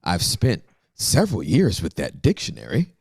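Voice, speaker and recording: A man's voice: deep voice, wildly swooping pitch, normal speed, vocal fry, a little mellow, husky, no echo, studio quality. A male pastor telling stories in a casual, emphatic podcast conversation. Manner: storytelling, emphatic, laughs often.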